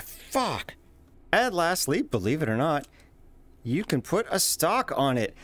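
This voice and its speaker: Casual gameplay host, jokey and exclaiming, highly animated intonation. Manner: playful, exclaiming, swearing at slips. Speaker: host of a video game weapon showcase.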